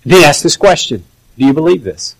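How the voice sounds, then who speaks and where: Conversational preacher, fairly high male voice. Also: lively intonation, a little fast, gravelly, rough recording. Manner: conversational, acts out quoted voices. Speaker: pastor. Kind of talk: sermon.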